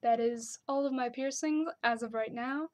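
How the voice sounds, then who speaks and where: Chatty young woman, slightly high voice. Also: moderate pace. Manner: chatty, frequent fillers like "like" and "um". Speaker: vlogger. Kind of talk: casual chat to camera.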